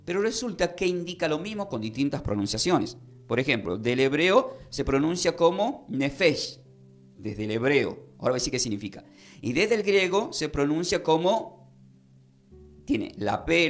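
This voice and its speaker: A man preaching a Bible-study sermon, explaining verses and having his listeners repeat his phrases. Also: medium pitch. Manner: teaching, asking the congregation to repeat phrases. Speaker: pastor.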